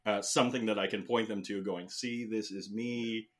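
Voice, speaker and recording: A man's voice: lowish voice, steady tone, moderate pace, a bit bright. A man in his fifties from the Philippines, a guest telling his story in a rambling, chatty way with many fillers and restarts. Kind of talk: casual interview talk.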